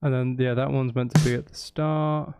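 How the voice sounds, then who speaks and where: Speaking at normal speed in a steady, medium-pitched voice, a music streamer chats casually on a livestream while recording drums, with the kit and music audible. He thinks aloud hesitantly, interrupting himself and apologizing.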